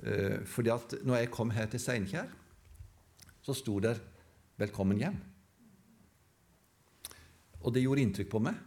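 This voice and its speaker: A man's voice: medium pitch, vocal fry, darkish tone. A man preaching a sermon in church, emphatic and building his points through repeated phrases.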